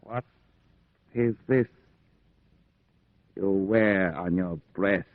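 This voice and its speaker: An actor playing a sinister, commanding aristocratic vampire count in an old-time radio horror play, theatrical and deliberate. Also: male voice, deep voice, dry recording. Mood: silky menace. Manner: slow, theatrical, menacingly deliberate. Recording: thin, phone-like vintage radio sound.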